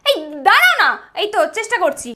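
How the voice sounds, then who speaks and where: A woman's voice: very high voice, wildly swooping pitch, quick pace, noisy background, exaggerated voice. A young woman playing an elder daughter stuck as a clumsy lamp genie in a family comedy skit, talking in a dramatic, whiny, theatrical way. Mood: playful. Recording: music playing under the voice. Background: background music.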